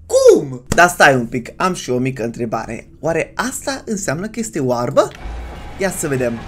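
A gaming YouTuber commenting on a horror game, excitable and slangy, yelling at jump scares and taunting the game character. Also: mid-range voice, soft background music. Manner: excitable, yells and shrieks at scares, slangy banter to viewers.

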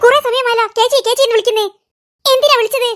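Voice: very high voice, fairly even intonation, racing, fairly bright tone, soft background music. A voice artist playing an irritable older sister who has just been woken, snapping in a comic cartoon. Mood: irritated.

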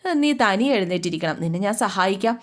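Brief: caring, commanding older sister, voiced by a woman storyteller, fast. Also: medium pitch, animated, close to an everyday voice. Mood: firm.

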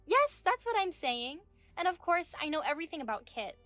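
A woman's voice: high-pitched, sing-song, fairly quick, pushed and bright, dry recording, soft background music, pitched above the performer's own voice, full character voice. Woman voicing a smug young mistress. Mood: taunting. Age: 20s. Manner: mocking, condescending. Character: smug young female medical student mistress.

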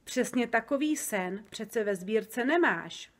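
A woman's voice: a little high, lively intonation. A woman reading aloud and voicing a bold, eager little girl who presses with questions. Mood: curious.

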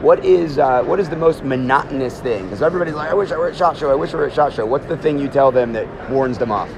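A man in his fifties rattles through a live walk-and-talk vlog, cutting himself off and starting over as he goes. He holds his phone out at arm's length inside a huge indoor trade show hall. A loud crowd hums around him. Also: medium pitch, gravelly. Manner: fast, chatty, self-interrupting. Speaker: host. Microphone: phone held at arm's length. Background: crowd chatter.

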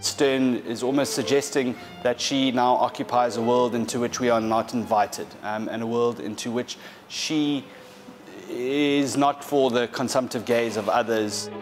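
Music plays beneath a man in his thirties as he presents paintings in a large gallery hall. An art specialist, he speaks at medium pitch with fairly even intonation, explaining in a measured way with frequent fillers and restarts.

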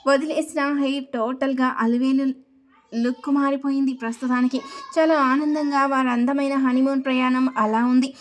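A woman narrating a serial family story in a steady, even storytelling manner. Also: high voice, normal speed, a little hiss or hum.

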